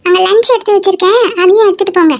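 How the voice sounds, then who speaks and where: A performer voicing a quick-tempered mother who scolds her children and hurries them off to school. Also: extremely high pitch, fairly even intonation, soft background music. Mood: harried. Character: scolding, harried village mother of two. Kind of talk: Tamil cartoon comedy dialogue.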